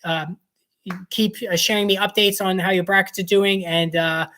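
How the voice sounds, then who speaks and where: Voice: medium pitch, steady tone, normal speed, a bit bright, a little hiss or hum. A host talking through tournament predictions in a casual monologue, rambling with lots of fillers and restarts, and confident in the picks. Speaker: sports bracket analyst host.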